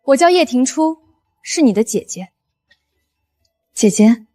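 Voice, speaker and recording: An actress playing a composed elder sister who speaks in a calm, firm, commanding way. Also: female voice, high-pitched, measured pace, no echo, faint music behind. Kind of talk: short drama acting.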